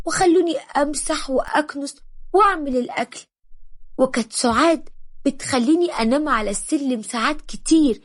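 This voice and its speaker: A woman voicing a gentle, childlike young woman with an Egyptian accent, eager and pleading in a storybook reading. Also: high voice.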